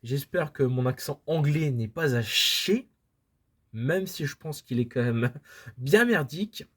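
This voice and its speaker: A man's voice: medium pitch, animated, takes it slowly. Casual male vlogger, mid-range voice, rambling and hesitant delivery. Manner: rambling, hesitant, many fillers and restarts. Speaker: manga collector vlogger. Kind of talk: casual haul video chat. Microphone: camera filming books, speaker off-frame.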